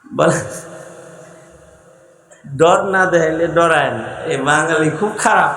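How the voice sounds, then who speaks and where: A man's voice: a little high, slow, sharp tone. A man preaching a sermon, calling on the crowd to answer and chant, often half-singing his phrases. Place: outdoor religious gathering with loudspeakers. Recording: echoey PA sound.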